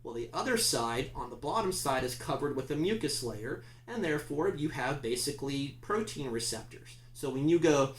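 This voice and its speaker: A man's voice: medium pitch, reverberant, poor audio. A man teaching a class in a conversational, emphatic lecture style, often asking his listeners questions.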